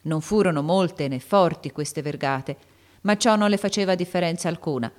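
A woman with a notably low, deep voice reads a classic novel aloud. Her narration is expressive and dramatic, leaning into tension and emotion. The delivery is scripted and storytelling-focused. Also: normal speed. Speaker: audiobook narrator.

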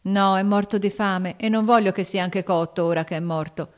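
A woman voicing a tender-hearted, remorseful young girl in an audiobook, high and pleading. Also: fairly even intonation, normal speed, natural voice. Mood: tearful. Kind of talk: audiobook character reading.

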